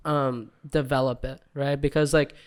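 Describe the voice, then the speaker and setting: A man's voice: mid-range voice, little pitch movement, normal speed, a little mellow, smooth. A young man, a guest fighter, talking in a laid-back, slangy way and laughing often in casual podcast chat. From United States.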